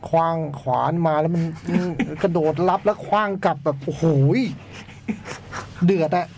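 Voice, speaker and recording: A man's voice: on the high side, a little slow, a crowd in the background. A man in a casual movie chat who reads out reviews and reacts with frequent exclamations.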